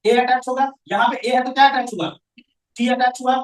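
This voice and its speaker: A man's voice: extremely high pitch, steady tone, brisk. A male science teacher lecturing a classroom, quizzing students and answering his own questions. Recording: echoey room, voice from far off the mic.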